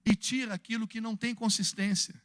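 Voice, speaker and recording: A man's voice: sits high, fairly even intonation, brisk, no echo, studio quality. A Brazilian man preaching a Sunday evening sermon in a church, moving between fervent exhortation and humorous personal stories. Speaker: pastor.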